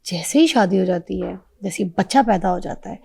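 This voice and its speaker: Female host, Pakistani Urdu accent, gentle emotional interviewer. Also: mid-range voice, expressive, gravelly, husky. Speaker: talk show host.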